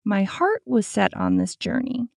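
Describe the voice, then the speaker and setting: A woman voicing a slow young dreamer. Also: mid-range voice, big pitch swings, no echo, clean studio sound, heavily acted. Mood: calm. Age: 20s. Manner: slow, clear, each sentence said twice. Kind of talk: scripted story for repeat-after practice.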